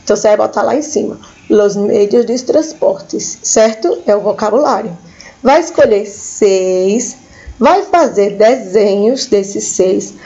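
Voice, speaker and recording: A woman's voice: medium pitch, a little slow, mellow, lo-fi sound. A woman teaching a school lesson, patiently repeating each word for her pupils. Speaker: Spanish teacher.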